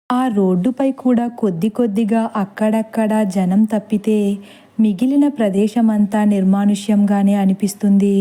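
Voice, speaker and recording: A woman narrating a horror story in a steady, measured storybook style. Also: medium pitch.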